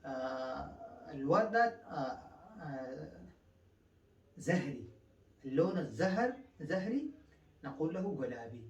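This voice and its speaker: A man's voice: a little high, sing-song, a little mellow, distant mic, lo-fi sound. Man teaching in an echoey room. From Afghanistan. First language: Pashto. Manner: explains slowly, with many drawn-out fillers and repetitions. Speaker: language teacher. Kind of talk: casual spoken lesson.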